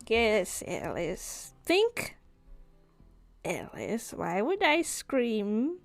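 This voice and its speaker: A sly creature that hides beneath beds speaks in a slow, creaky drawl, played by a woman, lingering over every word and circling back to the same answer. It sounds calm and patient. Its delivery never hurries. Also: on the high side, soft background music, exaggerated voice. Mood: solemn. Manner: slow, drawn-out, keeps repeating "yes".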